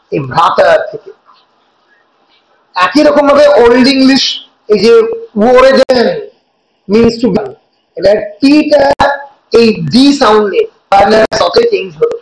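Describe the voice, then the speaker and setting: A high-pitched man with a Bengali accent teaches a class, explaining step by step and checking in with rhetorical questions. The room is echoey around his voice. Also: animated, measured pace, long pauses. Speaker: college teacher. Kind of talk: lecture in Bengali mixed with English.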